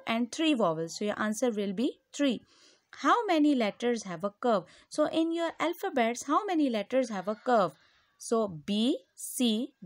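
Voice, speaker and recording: A female school teacher with a Pakistani English accent, walking pupils slowly through textbook exercises and repeating each answer. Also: fairly high pitch, no room sound. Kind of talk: recorded classroom lecture.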